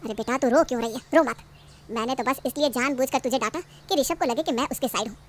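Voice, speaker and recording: A woman's voice: high voice, quick pace, a little hiss or hum, close to an everyday voice. A woman voicing a shrewd, protective middle-aged mother-in-law in a cartoon family story, firm and scolding. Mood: gentle. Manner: firm and scolding, softer with her daughter-in-law.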